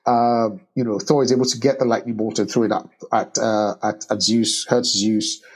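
Husky man recapping a film casually. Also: fairly low pitch. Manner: halting, many restarts and ums, animated when joking. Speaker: podcast co-host recapping a film. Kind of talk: casual movie discussion.

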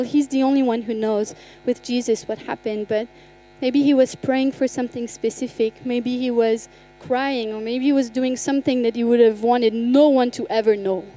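High-voiced woman preaching a testimony. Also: low-quality recording. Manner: animated storytelling, acts out dialogue. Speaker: pastor. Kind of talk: sermon with personal testimony. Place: church.

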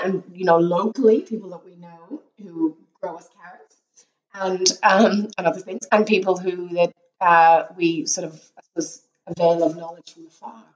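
A middle-aged woman with a croaky voice from a cold, hosting a casual podcast chat with lots of fillers and restarts. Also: lowish voice, recorded from a distance, muffled recording. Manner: chatty, many fillers and restarts. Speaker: podcast host. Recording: echoey room.

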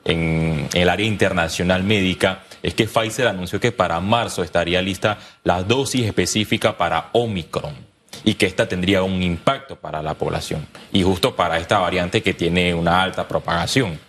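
A man's voice: low-pitched, moderate pace, a bit bright, slight background noise. A man, putting questions as a co-host in a serious, formal manner. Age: 20s. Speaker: co-host interviewer. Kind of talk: broadcast interview question.

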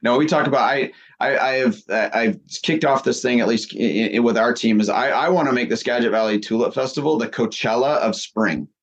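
A man's voice: medium pitch, fairly quick, few pauses, husky. Male podcast host, mid-range voice, enthusiastic, jokey, loose delivery. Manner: enthusiastic, playful, many restarts. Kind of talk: casual conversational interview.

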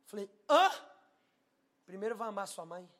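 A man preaching a sermon, telling a personal testimony and swinging from hushed tones to shouting. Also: high voice, a little fast.

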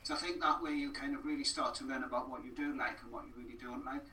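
Speaking fast with a sharp tone, this man keeps his medium-pitched voice fairly even in intonation. As a podcast guest in a casual interview, he's earnest and repeats phrases to stress them, captured on a distant mic in a roomy space with faint noise.

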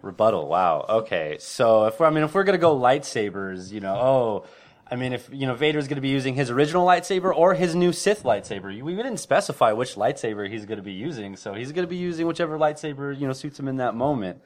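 A man's voice: mid-range voice, big pitch swings, fast. A man debating as a contestant in a casual, rambling, comic style.

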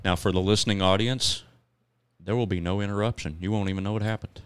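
A man's voice: lowish voice, steady tone, fast talker, smooth, dry recording. A man hosting a podcast in easygoing casual chat, laughing often. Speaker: podcast host.

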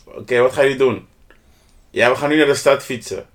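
Brisk and medium-pitched, a Dutch man co-hosting a podcast tells stories in a relaxed chat, animated and full of slang, with English phrases and sound imitations mixed in.

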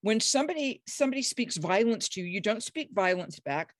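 A biblical scholar, middle-aged or older, talking with enthusiasm and emphasis and breaking into high, acted quotes. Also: expressive, a little fast, fairly bright tone, no room sound, clean studio sound. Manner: acts out quoted speech with sudden high pitch jumps; emphatic, enthusiastic, frequent restarts. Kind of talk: animated explanatory conversation.

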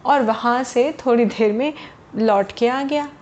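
A woman's voice: a little high, unhurried, a little mellow, slight background noise. A woman storyteller narrating a moral tale to children in a chatty manner, speaking directly to the young listeners. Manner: chatty, addresses listeners as kids. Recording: dull lo-fi recording.

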